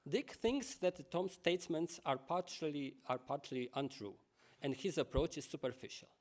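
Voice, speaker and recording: A man reads a prepared lecture to a conference audience. His voice sits a little high, and his delivery is measured. He breaks off now and then for asides to the listeners.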